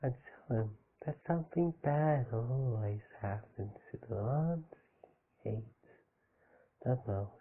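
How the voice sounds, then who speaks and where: A man putting on a silly, squeaky baby voice, playful and teasing, in a sing-song way. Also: takes it slowly, slightly rough. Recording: tinny phone-like audio.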